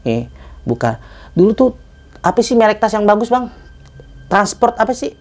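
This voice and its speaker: A young man, a guest telling a story in casual chat, animated, acting out dialogue and swearing casually. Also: sits high, normal speed.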